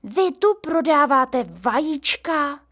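A woman's voice: sits high, lively intonation, a bit bright, pitched above the performer's own voice. A woman voicing a nosy, gossiping neighbor lady in a storybook reading, scolding and indignant.

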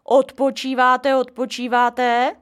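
A woman's voice: high-pitched, level tone, clean tone, voice pushed up, natural voice. A woman voicing a middle-aged male building caretaker in a storybook reading, drawling his friendly greetings. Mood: jovial.

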